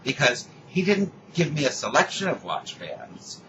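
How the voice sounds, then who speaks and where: An older man telling a rambling story in casual chat, animated when he acts out what people said. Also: a little high, unhurried, dull audio, a little hiss or hum.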